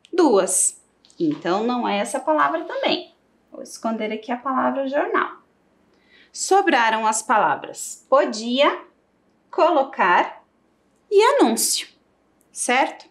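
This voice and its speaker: A woman with a Brazilian Portuguese accent teaching a televised primary school lesson, sounding out syllables for children. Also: high voice. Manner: slow, lively, sings out syllables for children.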